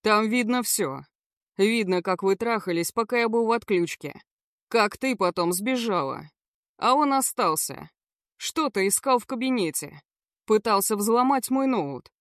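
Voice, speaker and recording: A woman's voice: medium pitch, animated, unhurried, no echo, clean studio sound, close to an everyday voice. A woman doing a snarling furious gangster. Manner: snarling through clenched teeth. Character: enraged menacing male gangster, cold and growling.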